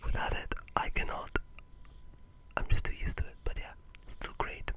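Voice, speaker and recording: An ASMR gaming video creator talks casually about games in a breathy, unvoiced whisper, keeping the delivery hushed and halting.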